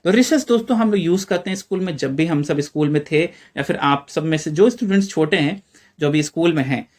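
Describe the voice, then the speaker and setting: A man's voice: on the high side, brisk. A man with an Indian Hindi accent gives a chatty vocabulary lesson, quizzing listeners with rhetorical questions and calling them friends. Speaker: English teacher. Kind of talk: classroom-style explainer lesson.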